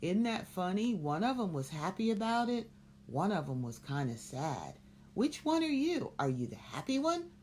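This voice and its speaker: A middle-aged woman reading a children's picture book aloud, expressive and asking the listeners questions. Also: lowish voice, moderate pace, a little hiss or hum. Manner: expressive, asks listeners questions between passages. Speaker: children's story reader.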